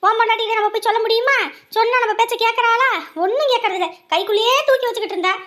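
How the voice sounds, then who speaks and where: A woman playing a sharp-tongued village mother-in-law, nagging and taunting in a comedy skit. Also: very high-pitched, fairly even intonation. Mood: complaining. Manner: nagging, taunting, rapid scolding.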